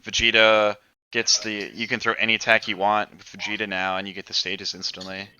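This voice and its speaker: A man's voice: lowish voice, completely flat delivery, brisk, pushed and bright, clear, resonant tone, lo-fi sound. A man hosting a casual gaming chat, talking loosely, swearing freely and filling with "like" and "uh". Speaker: podcast host.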